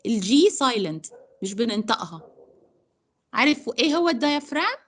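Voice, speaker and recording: High-pitched egyptian lady tutoring science over a video call, patient, going back and forth between arabic and english. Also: big pitch swings, moderate pace, husky. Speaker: science teacher. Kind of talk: online tutoring lesson.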